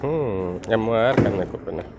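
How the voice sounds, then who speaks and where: A man, chatting gently with his small child outdoors and coaxing him along with soft hums. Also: fairly low pitch, animated, fairly quick. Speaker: father and vlogger. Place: outdoors by a river. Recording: noisy outdoor recording.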